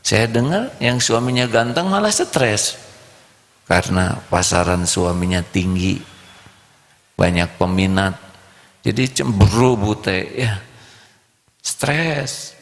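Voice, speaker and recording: A male preacher delivers a slow storytelling sermon in a low, gravelly voice. His words ring with a long reverb in a large hall. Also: expressive.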